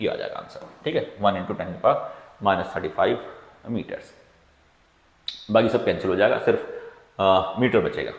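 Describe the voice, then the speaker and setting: A man teaching chemistry as an exam-prep lesson, working problems aloud step by step and often checking in with the class. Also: on the low side. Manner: explains step by step, keeps checking in with "theek hai". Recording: echoey, reverberant room.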